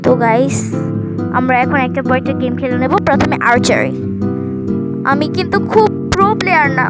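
A high-pitched woman keeps chatting to her viewers while she plays, voicing over the match. She speaks softly into an earphone mic in a room at home, with game music running behind her. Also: brisk. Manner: talks quietly so as not to wake her sleeping parents. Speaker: gaming channel host.

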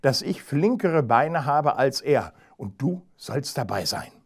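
A man voicing a clever, stubborn male hedgehog in a fairy tale reading, talking plainly and calmly. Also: mid-range voice, slow, vocal fry, heavily acted. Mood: scheming.

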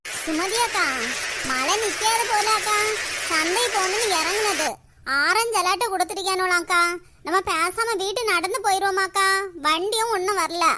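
A woman's voice: very high voice, normal speed, sharp tone, slight background noise. A woman voicing fretful, gossipy village women in a cartoon. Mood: worried. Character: chatty village women, mother and neighbours. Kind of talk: cartoon voice acting.

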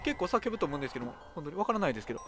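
A woman's voice: sits low, big pitch swings, rapid-fire. A woman with a Kansai accent giving casual horror game commentary as a streamer, full of blunt, mouthy asides. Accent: Kansai Japanese. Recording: music behind the voice.

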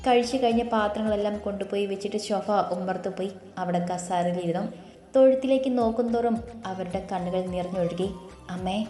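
A woman narrating a story in a calm, even storytelling voice. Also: mid-range voice, a little fast. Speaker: audiobook narrator. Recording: roomy echo with faint music.

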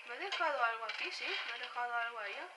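A woman's voice: fairly high pitch, expressive, fast talker, heavy background noise. A woman with a Spain Spanish accent doing let's play commentary, jumpy, nervously exclaiming and crying out for help. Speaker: gaming channel host.

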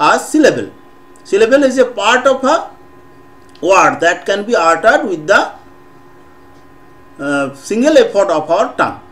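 High-voiced male teacher, patient pauses. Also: fairly bright tone. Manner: explains step by step with frequent pauses and filler sounds. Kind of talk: online class lecture. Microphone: computer microphone on a video call.

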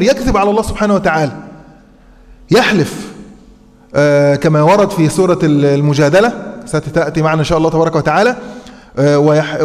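Egyptian male sheikh lecturing, higher pitch, asks and answers his own questions, stops on fillers; long hall reverb. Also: a little mellow. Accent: Egyptian Arabic. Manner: explains by posing rhetorical questions, with frequent hesitant fillers. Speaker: sheikh teaching Quran commentary. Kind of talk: classroom lecture on scripture.

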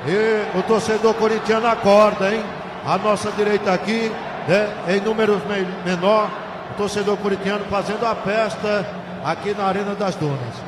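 A Brazilian man calls football play-by-play in a high-pitched voice, excitable and colloquial, leaning on stock phrases. The sound is echoey and noisy, as from a live stadium stand. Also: moderate pace. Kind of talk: Brazilian football radio narration. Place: open stadium press stand. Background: stadium crowd ambience.

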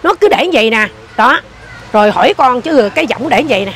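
Older woman, fairly high voice, chatty and animated, bit of outdoor noise. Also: fairly quick. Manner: animated, repeats herself, points things out. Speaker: interviewee telling a ghost story. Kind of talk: casual storytelling.

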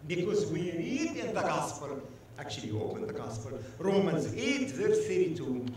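A man preaching a sermon as guest speaker, emphatic and animated, drawing the congregation into call-and-response. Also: on the high side, moderate pace, a little hiss or hum. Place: church sanctuary. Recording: echoey church hall, mic at a distance.

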